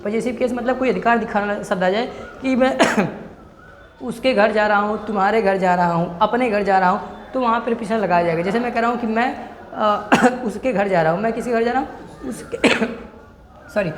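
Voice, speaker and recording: A man with a high voice teaching a grammar class. He keeps asking the students questions and then answering them himself. The recording has a roomy echo. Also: slight background noise. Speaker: English teacher. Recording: echoey room.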